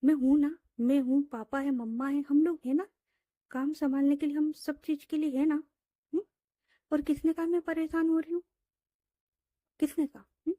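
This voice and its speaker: Woman doing caring big-sister type girl, coaxing, high pitch, dry close sound. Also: fairly even intonation, normal speed, pauses often, warm tone, dry recording, lightly acted. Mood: reassuring. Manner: comforting, coaxing with tag questions. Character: caring young woman, protective and affectionate.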